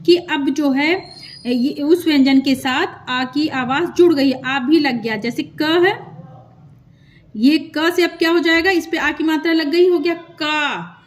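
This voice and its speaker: A woman teaching a children's script lesson, slow and patient, stretching out syllables and repeating sounds for learners. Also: high voice.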